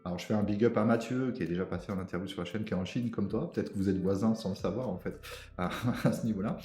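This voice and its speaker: A man's voice: on the low side, quick pace, dark tone. A man hosting a casual interview podcast, speaking informally and stacking several questions at once. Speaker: podcast host. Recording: roomy echo.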